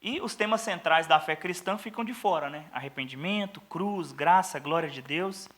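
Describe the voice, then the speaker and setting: High, bright-voiced Brazilian man teaching. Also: moderate pace. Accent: Brazilian Portuguese. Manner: informal, addresses the audience as brothers; mocking asides with frequent tag questions. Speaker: seminary teacher. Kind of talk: church teaching talk.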